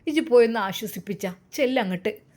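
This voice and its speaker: A woman's voice: fairly high pitch, animated, a little fast, a little mellow, lightly acted. A woman voicing a worried old mother who laments and pleads. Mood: lamenting.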